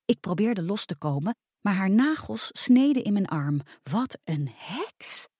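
A woman narrates a first-person storybook aloud in a lively, expressive way, her voice moving widely up and down at an ordinary middle pitch. The recording is close and dry. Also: normal speed, no echo.

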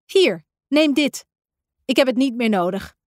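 A woman's voice: sits high, expressive, unhurried, no echo, studio quality. A woman doing an easygoing male storybook horse. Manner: sighing, easygoing. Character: male horse with strong teeth, obliging.

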